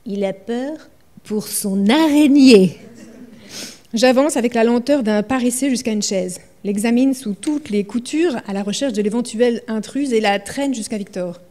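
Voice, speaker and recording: A woman's voice: on the high side, moderate pace, warm tone. A woman novelist vividly reading her own writing aloud at a library event, then speaking about her work. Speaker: author.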